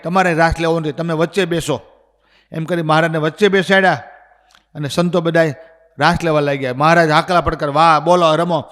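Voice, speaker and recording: A man with a Gujarati accent, telling religious stories as a sermon and acting out the dialogue with energy. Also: high voice. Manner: animated storyteller acting out dialogue. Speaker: swami giving a religious discourse. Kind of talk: storytelling sermon. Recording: long hall reverb.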